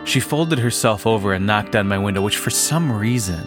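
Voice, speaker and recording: A man narrating a first-person story in a slow, deliberate way. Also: lowish voice, expressive, music in the background.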